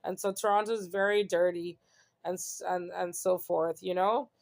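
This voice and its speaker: A woman's voice: lowish voice, fairly even intonation, moderate pace. A young woman from Canada, hosting her own show in an earnest, rambling personal monologue. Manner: earnest, reflective, rambling with many "you know"s. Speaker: host.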